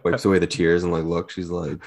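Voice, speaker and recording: Very low-pitched man, casual podcast co-host; loose, filler-heavy storyteller. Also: level tone, quick pace, darkish tone.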